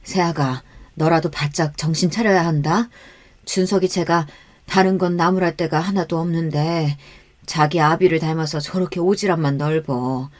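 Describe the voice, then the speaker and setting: A woman's voice: low-pitched, normal speed, no echo, natural voice. Woman doing a worried older mother-in-law. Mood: earnest pleading. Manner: earnest, pleading advice. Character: kind older mother-in-law, worried, blunt with her husband.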